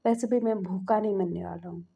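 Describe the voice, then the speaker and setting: A woman's voice: mid-range voice, fairly even intonation, brisk, gravelly, warm tone, slightly rough, voice pushed down. A woman voicing a rude, stubborn young man who snaps at his family. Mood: angry. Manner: curt, angry.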